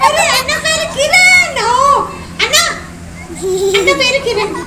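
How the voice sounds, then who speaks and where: In an animated, unhurried way, a puppeteer voices Andy, a cheeky little boy puppet with a high squeaky voice who chats with the kids, teases them, and calls everyone brother. This live children's puppet show is heard from a distance in an echoey hall, amid a loud crowd and noise.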